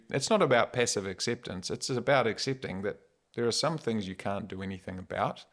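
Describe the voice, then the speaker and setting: A man's voice: on the low side, fairly bright tone. A man with a New Zealand accent talking casually and reflectively as a podcast guest, in a wry, informal, philosophical way.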